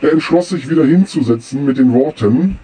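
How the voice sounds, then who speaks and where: A man speaking in a disguised deep voice, reading a formal anonymous statement in a flat, measured way. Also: husky, low-quality recording. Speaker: anonymous informant in a sent-in recording.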